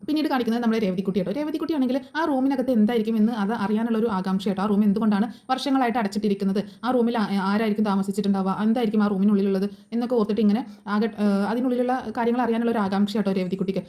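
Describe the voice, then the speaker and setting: A woman's voice: medium pitch, racing, dark tone. A woman narrating a casual voice-over recap of a TV serial, chatty and constantly adding little tag words. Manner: chatty, rattles through the plot with frequent tag words.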